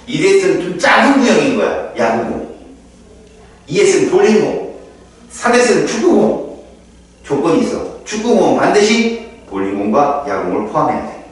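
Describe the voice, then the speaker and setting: A man tutoring a student in chemistry in an informal one-on-one session, explaining lively with rhetorical questions. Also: on the high side. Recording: echoey room, heard from a distance.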